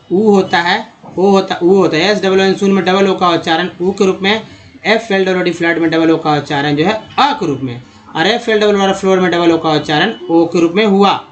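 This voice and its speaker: Male English tutor with a fairly high voice. He works through words slowly, one syllable at a time. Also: lo-fi sound. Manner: slow deliberate spelling-out of words, then brisk explaining. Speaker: English teacher. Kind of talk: reading word lists and explaining pronunciation.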